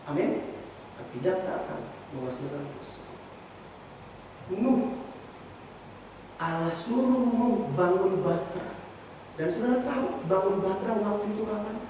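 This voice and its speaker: Indonesian pastor guy preaching, kinda high voice, big echoey hall, sounds far from the mic. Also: slight background noise. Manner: emphatic preaching with repeated refrains; rises to loud peaks and drops back. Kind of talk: sermon. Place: church hall.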